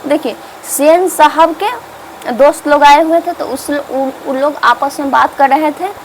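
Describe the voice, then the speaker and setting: Brief: female tutor, high voice, repeats and quizzes herself while retelling a story. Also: a little slow, a little hiss or hum, poor audio. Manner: repetitive, asks and answers its own questions. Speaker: teacher. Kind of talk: explaining a story to students.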